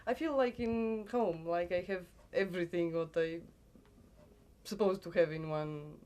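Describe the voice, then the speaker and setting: A woman from Romania with a Romanian accent, a seasonal farm worker speaking softly and hesitantly in an interview. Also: fairly low pitch, unhurried. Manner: soft, hesitant, searching for words.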